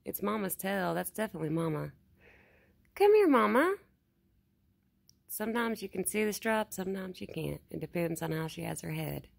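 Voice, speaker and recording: A young woman, coaxing an animal in a sweet high voice and talking to her live-stream viewers in a lower tone. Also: quick pace, vocal fry, hardly any pauses. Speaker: vlogger feeding a wild raccoon. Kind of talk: casual live-stream chat. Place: outdoors at night, rural home.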